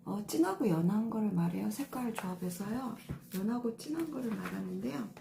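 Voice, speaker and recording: A woman's voice: mid-range voice, lively intonation, a little fast, vocal fry, background noise. A middle-aged woman stylist giving a casual lesson on color coordination, patient and step by step with many fillers. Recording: echoey room with faint ambience.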